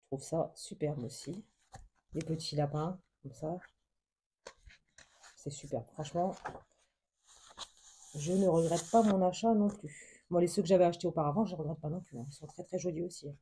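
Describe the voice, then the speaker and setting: A woman vlogger showing a book haul in casual show-and-tell, soft and hesitant, full of fillers and gushing over every little picture. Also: fairly low pitch, moderate pace, long pauses, a little hiss or hum. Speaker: craft vlogger.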